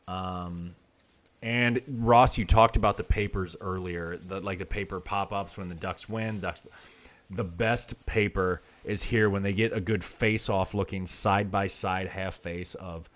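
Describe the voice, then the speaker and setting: Young male co-host, very low voice, loose rambling chat delivery. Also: fairly bright tone. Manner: rambling retelling full of "like". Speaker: podcast co-host. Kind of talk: casual chat reviewing a film.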